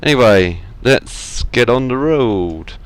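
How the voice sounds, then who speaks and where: In this casual let's-play from his home gaming setup, the host chats his way through a trucking game, wandering off topic, apologizing and poking fun at himself. He has a medium-pitched voice with lively intonation and a slow delivery.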